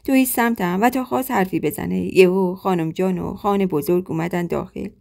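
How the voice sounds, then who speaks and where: A woman's voice: on the low side, gravelly, a little mellow. A woman storyteller narrating a true-life tale in the first person, with a dramatic, emotional reading.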